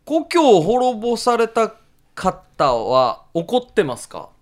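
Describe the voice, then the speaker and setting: A woman's voice: medium pitch, sing-song, slow. A woman on a radio show, thinking aloud and asking questions to crack a riddle. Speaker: radio co-host guessing a riddle. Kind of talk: casual radio chat.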